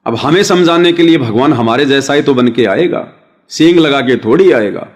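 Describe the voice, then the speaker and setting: A man's voice: mid-range voice, lively intonation, normal speed. A man giving a devotional sermon, explaining with everyday examples and addressing his listeners as brothers and sisters. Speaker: devotional speaker.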